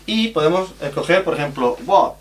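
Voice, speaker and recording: A man from teaching a recorded grammar lesson, explaining rules slowly and spelling out letters and examples. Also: fairly high pitch, animated.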